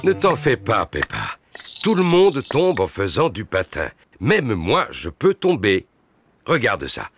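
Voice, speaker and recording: A jovial, bumbling cartoon daddy pig with a low voice. His pitch leaps about wildly as he speaks in a hearty, unhurried, reassuring way. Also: wildly swooping pitch, over music, exaggerated voice. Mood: reassuring, confident. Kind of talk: preschool cartoon dub acting.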